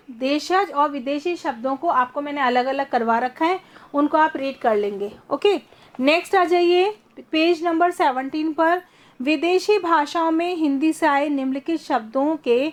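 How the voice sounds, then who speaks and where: Woman teacher, high voice, patient explainer, online lesson on a video call. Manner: patient, explains step by step, asks students questions.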